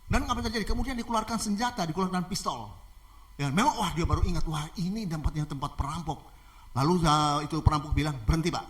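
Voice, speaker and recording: A man's voice: fairly high pitch, quick pace. A man preaching a sermon, telling a story animatedly with many repeated "ya"s. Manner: animated, repetitive with filler "ya".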